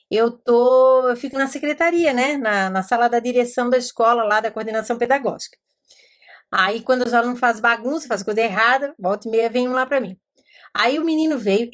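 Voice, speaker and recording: A woman from Brazil, middle-aged, with a somewhat high voice, teaches in a relaxed, chatty way. She lingers on letter sounds one by one and slips into stories about her pupils. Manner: explanatory, sounds out letters slowly, tells anecdotes. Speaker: educator teaching literacy methods. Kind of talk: informal teaching talk.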